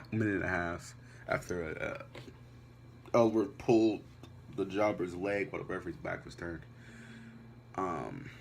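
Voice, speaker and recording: A man's voice: low-pitched, slight background noise. A man giving a casual, blunt and profane recap of a wrestling show as a reviewer.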